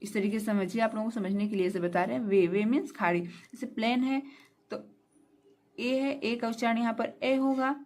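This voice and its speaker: A woman's voice: a little high, fairly even intonation, moderate pace, a little mellow. A woman teaching English pronunciation in a classroom lesson, spelling words letter by letter, repeating meanings and answering her own questions.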